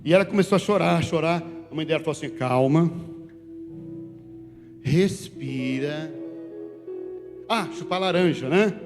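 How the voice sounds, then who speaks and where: A male pastor from Brazil preaching a sermon, animated, moving between loud calls to the congregation and quiet asides. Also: high-pitched, quick pace. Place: church sanctuary. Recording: reverberant church hall with faint music.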